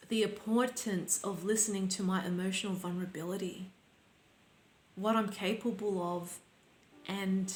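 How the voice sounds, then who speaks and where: A woman life coach speaking reflectively to her audience, in a slow, deliberate and gently instructive way. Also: medium pitch, slight background noise. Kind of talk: reflective talk to camera. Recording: roomy sound with faint background music.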